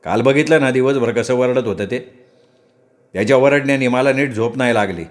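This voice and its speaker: A man's voice: medium pitch, fairly quick, close to an everyday voice. A man voicing a brash young village man who brushes off his mother in rustic speech. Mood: dismissive. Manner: dismissive, offhand, rustic speech.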